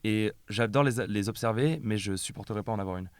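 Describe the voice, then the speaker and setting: A man in casual chat, explaining his opinion in quick bursts with many restarts. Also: fairly low pitch, smooth, no room sound. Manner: fast, hesitant restarts, explains his taste.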